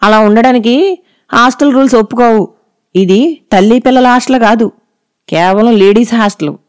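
A woman's voice: a little high, a little slow, warm tone, clear, resonant tone, dry recording, studio quality, voice pushed up, close to an everyday voice. A woman voicing a stern older woman who runs a hostel, asking curt, severe questions.

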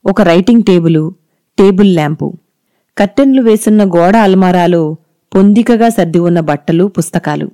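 A woman narrating a story in a calm, even reading voice. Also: mid-range voice, dry recording, clean studio sound.

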